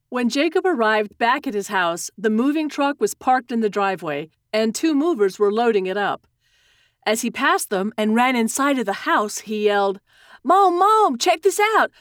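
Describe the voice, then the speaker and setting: A woman narrating a story in a steady, expressive reading that slows at tense moments. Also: on the high side, no room sound, clean studio sound.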